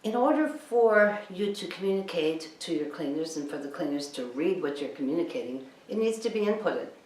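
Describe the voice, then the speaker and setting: Her lowish, slightly mellow voice moves fairly quickly with lively intonation as she lectures cleaning business trainees, emphatic and pushing rhetorical questions. Echo, distance from the mic, and background noise color the recording.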